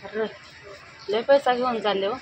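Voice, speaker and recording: A woman's voice: a little high, moderate pace, soft background music, poor audio. Chatty young woman vlogging at home. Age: young adult. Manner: chatty, teasing, calls out loudly to husband. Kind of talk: casual home vlog chat. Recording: home recording with clear background noise.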